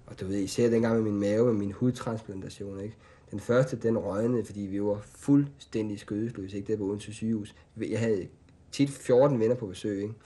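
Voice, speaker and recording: A man with a low voice and a dark, mellow tone tells personal stories in loose, colloquial speech. He talks frankly and drops quieter and lower when the memories turn painful. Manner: loose, colloquial, keeps adding "ikke?" and "mand". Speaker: interviewee. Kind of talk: candid personal storytelling.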